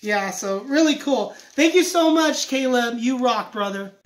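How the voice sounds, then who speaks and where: A man's voice: very high voice, lively intonation, measured pace, poor audio. A man hosting a casual vlog, talking in an upbeat, chatty way. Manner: upbeat and chatty, often laughing. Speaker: vlog host. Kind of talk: casual chat about autograph mail.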